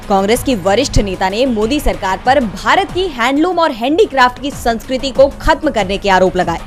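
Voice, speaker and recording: A woman reads a scripted news report as a voice-over reporter. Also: high voice. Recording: music bed behind the voice. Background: news music.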